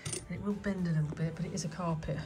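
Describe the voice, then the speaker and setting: A British DIY vlogger with a low-ish, mellow voice talks fast and chattily with fairly even intonation, thinking aloud as she works through a casual hands-on tutorial. She's in the hallway and on the staircase at home, filmed on a handheld phone or camera that shows her hands, with soft background music.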